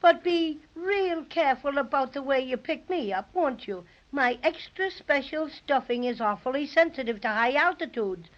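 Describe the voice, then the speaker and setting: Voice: high voice, expressive, moderate pace, few pauses, a bit bright. A performer voicing a cheerful, boastful little stuffed bear in an old radio drama. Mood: fussy. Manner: chirpy and boastful. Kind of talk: 1930s radio drama acting. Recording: dull old radio recording.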